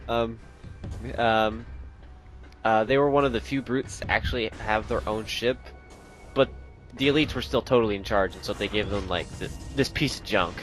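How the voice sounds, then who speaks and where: A man's voice: fairly low pitch, normal speed, pauses often, soft background music. A man casually commenting on a video game with a friend, playful and joking. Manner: chatty, playful, joking asides. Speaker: let's play commentator.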